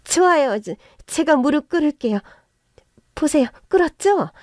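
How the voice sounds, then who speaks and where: A woman voicing a scheming middle-aged mother-in-law who talks in sharp, scolding, high-pitched outbursts in a narrated story. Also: animated, unhurried, no echo, clean studio sound. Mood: pleading. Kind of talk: narrated story with acted voices.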